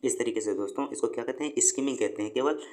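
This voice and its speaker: A male teacher giving a casual exam-prep lesson, explaining terms slowly, repeating them and reading English lines haltingly. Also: mid-range voice, darkish tone, rough recording.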